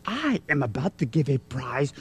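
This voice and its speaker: A man's voice: mid-range voice, very animated, moderate pace, breathy edge. A man voicing a furry, eager, fussy male monster who talks in a theatrical, overly formal way, for a children's TV show. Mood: excited. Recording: children's TV with music underneath.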